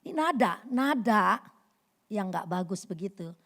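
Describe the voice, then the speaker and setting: A woman's voice: unhurried, gravelly. A middle-aged woman giving a casual sermon at a women's fellowship, telling anecdotes and acting out voices in them. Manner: lively storytelling, acts out voices with big pitch jumps.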